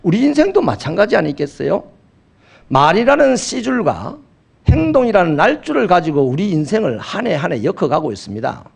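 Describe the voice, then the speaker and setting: A middle-aged male pastor, preaching a sermon with animated storytelling. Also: high voice, a little fast, gravelly, husky. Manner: animated storytelling with acted quotes.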